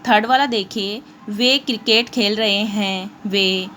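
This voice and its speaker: A woman teacher giving an online lesson to young pupils, explaining slowly and mixing in English words. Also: medium pitch, bright, forceful tone, slight background noise.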